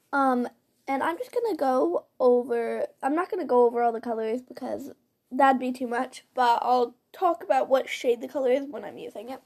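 Speaking through a simple built-in device mic instead of a studio one, a makeup tutorial host with a high, slightly mellow voice keeps things chatty and informal. She walks viewers through her routine step by step while she works.

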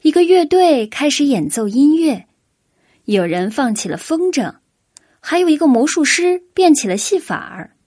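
A woman storyteller reading a children's storybook aloud in a gentle, unhurried way. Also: high-pitched, sing-song, dry recording, studio quality.

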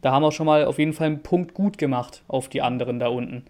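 A man's voice: mid-range voice, fast, darkish tone. A man hosting a casual football talk, conversational and asking his guest questions. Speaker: host.

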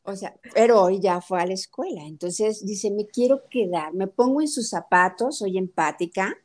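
A woman's voice: medium pitch, normal speed. A middle-aged woman with a Mexican accent, talking as a guest about family nutrition, telling stories and acting out her daughter's lines. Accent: Mexican Spanish. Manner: animated storytelling, acts out quotes of her daughter. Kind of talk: conversational talk interview.

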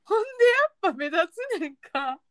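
A woman's voice: fast talker, no echo. Chatty Kansai-accented woman, dry close sound. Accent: Kansai Japanese. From Kansai, Japan. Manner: animated, acts out quoted lines in a high voice. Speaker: podcast co-host. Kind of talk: casual chat.

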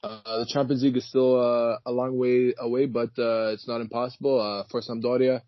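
A man's voice: medium pitch, flat delivery, a little fast, no room sound, dull audio. A man co-hosting a casual football podcast, hesitant and full of fillers. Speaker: podcast co-host. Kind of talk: casual chat.

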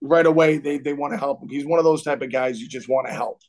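A man's voice: fairly high pitch, fast talker, darkish tone. Earnest Boston man, boxing trainer. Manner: earnest, reflective, loose with fillers. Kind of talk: casual podcast interview.

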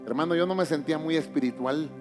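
A middle-aged man, a pastor, preaching a sermon in a church, moving from booming emphasis to hushed asides. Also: quick pace, music in the background.

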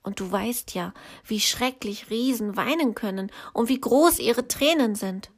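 A woman, likely a teacher, reading a children's story aloud in a slow, calm storytelling way. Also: fairly high pitch.

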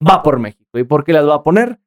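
A man's voice: a little high, very animated, quick pace. A man with a Mexican accent co-hosting a comedy podcast, teasing and swearing in a mock-formal way. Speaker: podcast co-host. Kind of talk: casual crude comedy chat.

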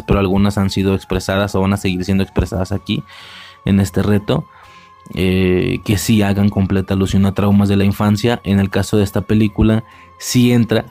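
A man's voice: on the low side, warm tone. A young man with a Mexican accent giving a casual, rambling spoken film commentary, full of slang and filler words. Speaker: podcast host reviewing a film.

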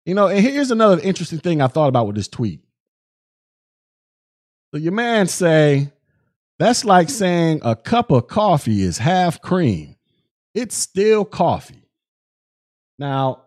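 A young man with a mid-range voice hosts a solo podcast, delivering animated, slang-packed commentary full of restarts and repeated words.

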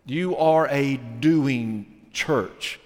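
A man preaching a sermon as pastor, alternating emphatic points with slow, weighty scripture reading. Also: medium pitch. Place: church sanctuary. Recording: long reverb of a church sanctuary.

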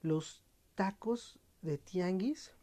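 Man, central Mexican accent, podcast host; mellow voice, casual profane monologue with mock-dramatic flair. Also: high voice, extremely slow. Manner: slangy, profane, playfully dramatic.

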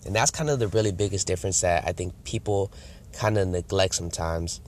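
A man who's congested with a cold talks a little fast in a low-pitched, slightly nasal voice, with slight background noise. Casually instructing the camera on sales, he acts out exchanges between a salesperson and a customer.

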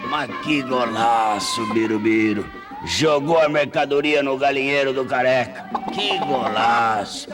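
Man playing a slow, effusive Brazilian football fan. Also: medium pitch, music in the background, natural voice. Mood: elated. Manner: exclamatory, slangy, repeating nicknames. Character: effusive, slangy die-hard male Corinthians football fan.

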